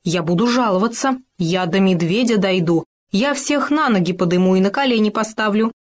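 A woman's voice: mid-range voice, lively intonation, normal speed, lightly acted. A woman voicing a brash, careless female cuckoo bird who talks cheekily and flippantly. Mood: alarmed.

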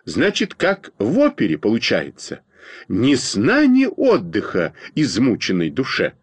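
A man voicing an indignant, lazy schoolboy who protests and exclaims loudly, in a storybook reading. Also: medium pitch, huge pitch swings, a little slow, slightly rough, dry recording, pitched above the performer's own voice, heavily acted.

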